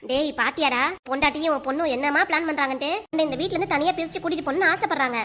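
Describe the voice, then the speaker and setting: A woman's voice: sits high, sharp tone. Woman voicing a scolding old cartoon grandmother. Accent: Kanyakumari Tamil. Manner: rapid, scolding and reproachful. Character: scolding elderly grandmother, bitter and stubborn. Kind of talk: cartoon voice acting.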